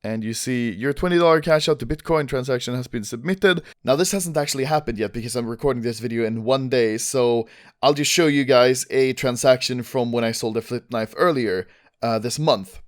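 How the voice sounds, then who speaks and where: A young man giving a relaxed, chatty step-by-step tutorial. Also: medium pitch, a little fast. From Sweden. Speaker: gaming YouTuber. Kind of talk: casual tutorial.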